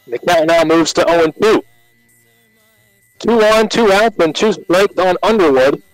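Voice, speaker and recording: A man with an American accent calling live baseball play-by-play on the radio in short, measured announcer phrases. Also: sits high, no echo, soft background music, poor audio.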